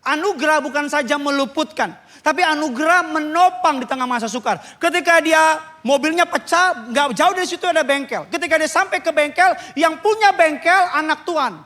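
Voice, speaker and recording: A man preaching a sermon as pastor, swinging from low murmurs to loud calls and asking the congregation to respond. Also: brisk, hardly any pauses. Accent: Indonesian. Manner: asks congregation to respond and turn to neighbours.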